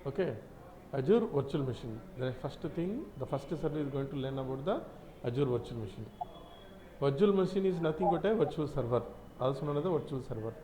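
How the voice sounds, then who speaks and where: A man teaching cloud computing in a live online class, speaking through a computer mic on a video call and explaining in halting, repetitive phrases. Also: mid-range voice, animated, dark tone, rough recording.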